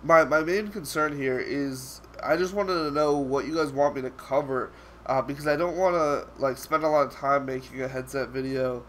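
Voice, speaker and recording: A man's voice: medium pitch, normal speed, fairly bright tone, a little hiss or hum. A young man with a stuffy voice from a cold, talking casually over gameplay and rambling with many fillers and restarts. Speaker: gaming YouTuber.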